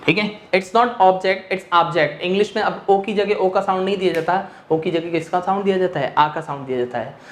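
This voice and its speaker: A man's voice: high-pitched, fairly quick. Echoey male teacher drilling his class. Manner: asks questions and answers them himself, drilling words; mixes English phrases into Hindi explanation. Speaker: English teacher. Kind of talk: online classroom lecture. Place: teaching room with a board. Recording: echoey room.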